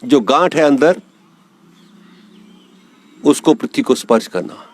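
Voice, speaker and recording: Slow, calm male yoga teacher. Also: medium pitch. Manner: slow, calm, soothing guidance with long pauses. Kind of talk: guided yoga relaxation instruction.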